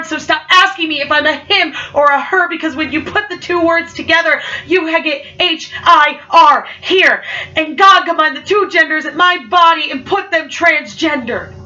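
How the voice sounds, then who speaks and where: A young woman poet performs spoken word with a high, pushed, bright voice. Her delivery is emphatic and rhythmic, marked by a stutter. The recording is muffled and seems to come from far off.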